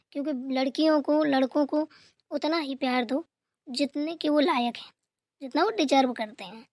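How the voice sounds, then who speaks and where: A woman's voice: high voice, dry recording, clean studio sound, lightly acted. A woman voicing a strict middle-aged mother in a cartoon who lectures her daughter and mother-in-law. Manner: lecturing, preachy.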